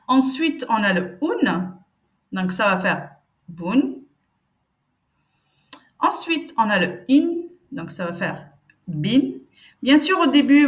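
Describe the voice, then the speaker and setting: A woman teaching Arabic reading step by step, patiently sounding out syllables slowly for learners. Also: a little high, a bit bright. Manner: patient, slow demonstrations of each syllable.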